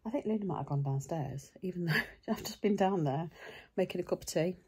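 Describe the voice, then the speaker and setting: Filming herself with a handheld camera at home and in the back garden, this middle-aged vlogger chats and rambles about her day, poking fun at herself along the way. She has a lowish, husky, darkish voice with lively intonation and a brisk pace.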